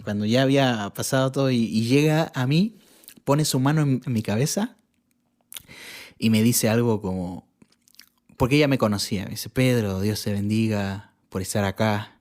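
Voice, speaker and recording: A man's voice: medium pitch, normal speed, pauses often, darkish tone. A man from Chile, a podcast guest, telling a personal testimony in casual conversation, earnest and reflective, often restarting his sentences.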